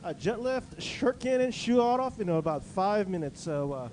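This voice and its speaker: A man announcing to the crowd over a PA loudspeaker at an outdoor race venue, with loud, drawn-out calls. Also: high-pitched, animated, slight background noise. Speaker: event announcer. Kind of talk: public address announcing.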